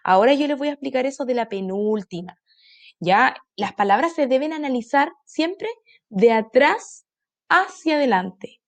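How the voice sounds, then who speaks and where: Brief: woman primary school teacher, slightly high voice, slow and overdrawn stress on example words, repeated drills. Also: expressive. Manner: repetitive call-and-answer drilling. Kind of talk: recorded online class.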